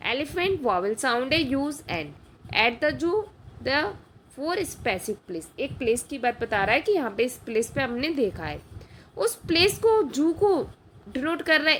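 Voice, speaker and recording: A woman's voice: high voice, fairly bright tone, slight background noise. A woman teacher going through an exam prep lesson, asking questions aloud and answering them herself, repeating the key answers.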